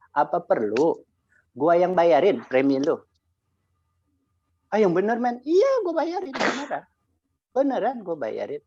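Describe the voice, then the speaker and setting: A man with a high, darkish voice shares his experience as an insurance agent at a motivational session, spinning a story in casual slang and playing both parts of a conversation. The highs are cut off.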